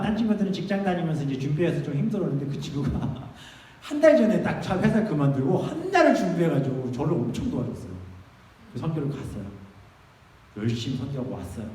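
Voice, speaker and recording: A man's voice: fairly high pitch, dark tone, a little hiss or hum. A man pastor preaching a sermon, urging his listeners on with fervor and then telling a story with acted dialogue. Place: church sanctuary. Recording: echoey hall, voice from far off.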